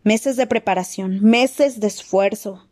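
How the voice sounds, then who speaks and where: A woman reading the lines of a cruel male dark lord in a quiet, cold, deliberate voice. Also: medium pitch, lightly acted. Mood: cold menace.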